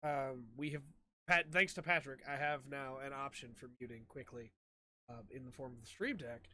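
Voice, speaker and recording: A man's voice: mid-range voice, fairly even intonation, moderate pace, sharp tone. A man hosting a casual podcast chat, his voice slightly weak after an asthma attack. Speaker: podcast host.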